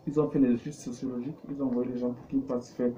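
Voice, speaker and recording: In rapid-fire delivery with little pitch movement, a middle-aged man speaks at medium pitch as a business coach and consultant. He leans on examples and rhetorical questions, explaining conversationally. The sound, captured in a small indoor studio office, is muffled, dark and noisy.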